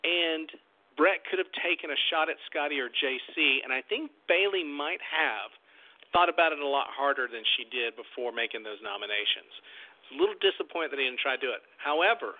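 A man hosting a talk show, giving casual, opinionated commentary and talking straight to his listeners. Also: on the high side. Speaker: podcast host. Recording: tinny phone-like audio.

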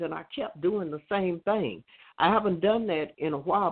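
A man speaks earnestly and at length, drifting between thoughts with plenty of uh's and um's. His voice sits a little high for a man. It comes through a thin, tinny phone line. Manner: earnest, meandering, many fillers. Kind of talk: casual chat about spirituality.

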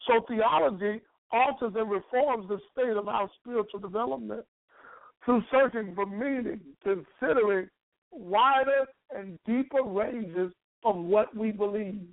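A preacher with a hoarse, frog-like croaky voice, teaching a sermon in emphatic, deliberate short phrases with rhetorical repetition. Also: medium pitch. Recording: narrow, phone-like sound.

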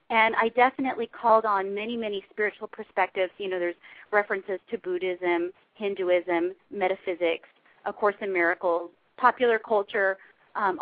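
A woman's voice: medium pitch, no room sound. Chatty woman on a phone line. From Southern California. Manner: chatty, laughing, explaining. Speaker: guest, life coach. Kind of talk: casual radio interview.

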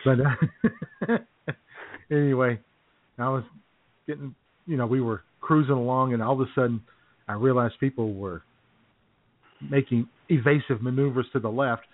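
This American talk show co-host has a medium-pitched, steady voice at a moderate pace, pausing often. He's into relaxed, jokey banter and laughs a lot as he goes. The recording is dry yet tinny, with a band-limited, phone-like quality.

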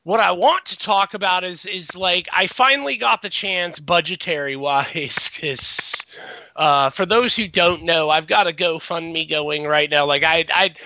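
Rambling high-voiced male podcast host. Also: sharp tone, dry recording, muffled recording. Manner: rambling, many restarts and repeated words. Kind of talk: casual podcast chat.

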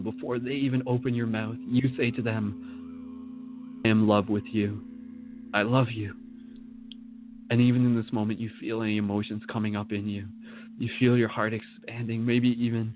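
A man leads a guided meditation, his voice pitched low and his delivery slow and soothing as he talks straight to the listener. The sound is thin and phone-like. Soft music plays faintly behind him. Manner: slow, soothing, second-person guidance.

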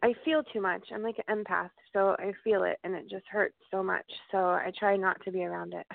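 Radio caller: woman with a gravelly voice on a thin, dry phone line, soft and thankful. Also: mid-range voice, steady tone, normal speed, dry recording.

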